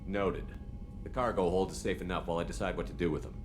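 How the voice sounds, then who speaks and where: Commander Shepard, deep and quick voiced by a man. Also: steady tone, music in the background, natural voice. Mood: firm, wry. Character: decisive, dryly wry male military starship commander. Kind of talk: game character acting.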